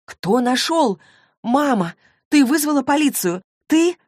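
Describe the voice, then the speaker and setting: A woman voicing a stubborn, sharp-tongued teenage girl in an audiobook, pitching up and speaking emphatically. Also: animated, a little slow, no room sound, clean studio sound. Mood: frightened, frantic. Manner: pitched higher than the narration, emphatic. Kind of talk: audiobook character voice.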